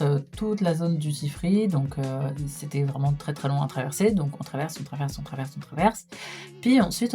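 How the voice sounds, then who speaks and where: A woman's voice: low voice, mellow. A young woman telling a casual storytime vlog, chatty and full of hesitation fillers. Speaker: vlogger.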